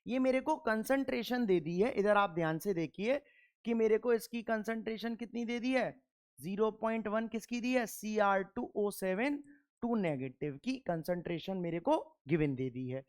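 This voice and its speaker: A man's voice: sits high, animated, moderate pace, clean tone. A male chemistry teacher lecturing through worked problems. He talks in a stern, emphatic way, fires questions at the class and answers them himself. He drives home each point by repeating it.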